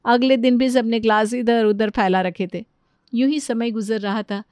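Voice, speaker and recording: Woman narrator, calm storybook read, dry close sound. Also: a little high, moderate pace, clean tone, no room sound. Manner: even, storytelling delivery.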